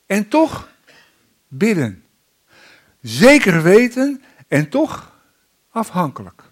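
Male preacher, somewhat high voice, very lively pitch, reads scripture slowly for weight. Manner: expressive preaching, reading psalms aloud with slow emphasis. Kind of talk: sermon.

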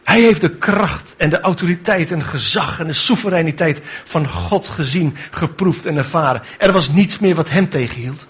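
A man's voice: fairly high pitch, normal speed, few pauses, a bit bright, husky. A man preaching a sermon with fervent delivery, building to emphatic rhetorical questions.

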